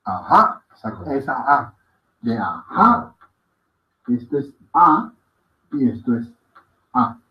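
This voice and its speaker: A man's voice: medium pitch, sing-song, slow pace, long pauses, muffled recording. A man teaching a language class in a patient way. He repeats sounds aloud and often checks that his students are following. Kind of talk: classroom lesson.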